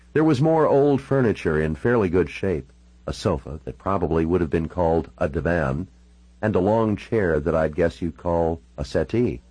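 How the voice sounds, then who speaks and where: A man's voice: deep voice, a little mellow, husky, no room sound, rough recording. A man narrating a novel in the first person, with dry, wry asides. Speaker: audiobook narrator.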